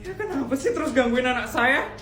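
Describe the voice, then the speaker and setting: An indulgent rich mother with a low, coddling voice, as a performer puts her on. The room rings a little, and music plays behind. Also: expressive, brisk. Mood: stern. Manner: sweet, coddling. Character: doting wealthy mother, indulgent. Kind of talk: comedy skit voice acting. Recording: roomy sound with background music.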